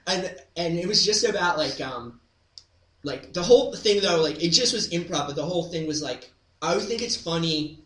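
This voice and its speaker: A man's voice: a little high, expressive, normal speed, fairly bright tone. A man, a comedian guest, rambling in casual interview chat with lots of filler words. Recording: roomy echo.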